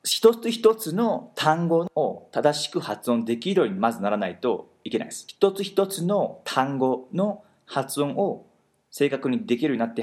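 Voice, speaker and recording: A man hosting a talk, explaining pronunciation in an animated way and slowing down on key words for emphasis. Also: mid-range voice, slightly rough. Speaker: host teaching pronunciation. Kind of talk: explanatory chat.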